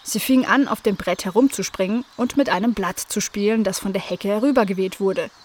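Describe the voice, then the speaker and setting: A woman narrating a children's story in a gentle, even storytelling manner. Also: mid-range voice, a little fast, slight background noise.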